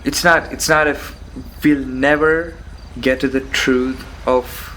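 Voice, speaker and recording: A man's voice: medium pitch, fairly even intonation, pushed and bright. Musing man over noisy cricket ambience. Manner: musing, halting, rhetorical questions and repeated phrases. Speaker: solo host of a philosophical talk. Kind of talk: rambling philosophical monologue. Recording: background noise with insect and cricket sounds.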